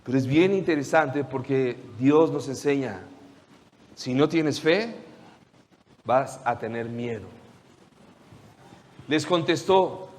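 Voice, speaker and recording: A man preaching a sermon, retelling the story with lively questions to his listeners. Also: mid-range voice, slow, long pauses, in a large hall. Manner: animated storytelling, asks the audience questions.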